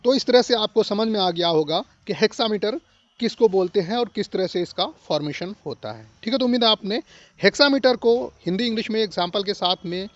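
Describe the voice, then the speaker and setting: High-voiced man teaching literature, dull dry sound. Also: animated, no echo. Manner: mixes Hindi and English, slows sharply on English phrases; repeats and rephrases points for learners. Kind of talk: explanatory lesson.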